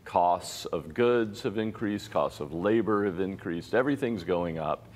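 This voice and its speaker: A middle-aged man, a journalist guest, calmly explaining his reporting in a TV news studio interview. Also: low-pitched, a little hiss or hum. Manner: measured, explanatory, paraphrasing sources. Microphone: lapel mic.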